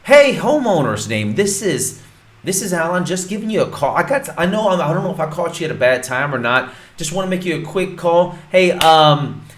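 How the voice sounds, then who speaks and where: A man's voice: on the high side, very animated, pitched above the performer's own voice. A man acting out an upbeat male cold caller running through a phone sales script. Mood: cheery. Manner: cheery, eager, fast phone patter. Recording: roomy echo.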